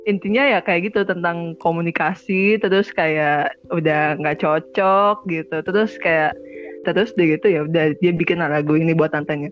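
A woman's voice: lowish voice, fairly even intonation, moderate pace. A young woman with a Jakarta accent chatting casually as a podcast co-host, acting out her own thoughts. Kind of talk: casual chat. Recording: slightly dull lo-fi sound with faint music.

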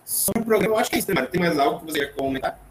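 A man speaks racing and expressive in a slightly high voice while hosting a laid-back podcast, chatting and joking through a cooking show recap with plenty of asides. There's a roomy echo and a bit of faint noise.

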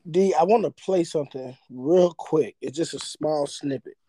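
A man co-hosting a casual podcast, speaking in a relaxed, halting way with fillers. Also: on the high side, no echo, poor audio. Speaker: podcast co-host.

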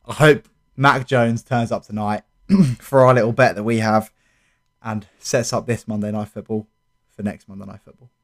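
A man's voice: on the low side, fairly even intonation, moderate pace. Young South London man, casual podcast chat. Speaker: podcast co-host.

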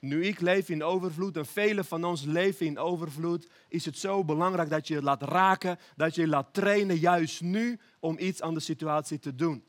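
A young man from Armenia preaching an earnest, emphatic sermon, slowing down for prayerful appeals. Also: a little high.

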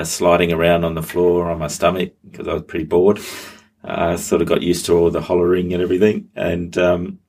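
As a guest on an interview, a middle-aged pastor from Australia gives his testimony haltingly, full of ums and false starts. The voice is low, darkish and a little rough.

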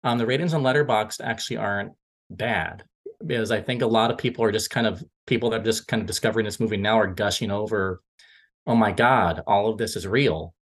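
A man with a lowish voice co-hosts a film podcast, chatting casually. His delivery is halting and rambling, and he often corrects himself.

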